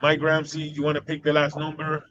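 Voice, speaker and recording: A man's voice: on the high side, completely flat delivery, a little fast, fairly bright tone, dull audio, a little hiss or hum. A man with a Boston accent hosting a casual live show, rambling with many fillers and laughing often. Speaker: host.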